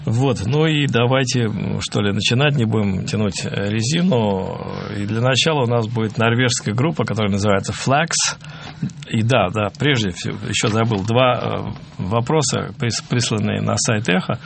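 A man's voice: on the low side, normal speed, gravelly, slight background noise. A man hosting a live radio music show in a casual, somewhat hesitant and rambling way.

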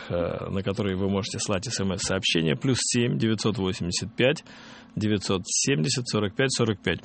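Late-night radio presenter, male. Deep-leaning, fry-edged voice, formal and courtly, pausing often. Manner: courtly, old-fashioned formal address. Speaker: radio host. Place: radio studio. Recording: faint background noise.

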